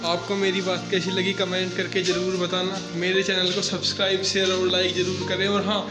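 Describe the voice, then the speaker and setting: Fairly quick and high-pitched yet flat, this young man from Uttar Pradesh, India narrates a casual village walking-tour vlog on a rough recording. He guides viewers through fields and lanes outdoors, keeps addressing them as "friends," and holds his phone at arm's length while loud music plays underneath.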